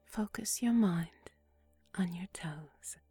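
Breathy whispering woman, mellow and unhurried, soothing guided relaxation read; dry close mic. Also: fairly low pitch, no echo, faint music behind. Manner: slow, soothing, hushed.

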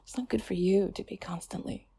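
Young woman whispering asmr, super breathy and raspy, little giggles. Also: medium pitch, a little fast. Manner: soft whispering with frequent giggles and sighs. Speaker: ASMR creator.

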